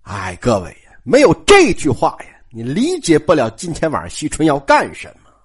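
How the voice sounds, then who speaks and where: A woman's voice: sits low, wildly swooping pitch, moderate pace, breathy edge. A woman retelling a classic novel in a chatty storytelling style, turning to the listeners with frequent asides.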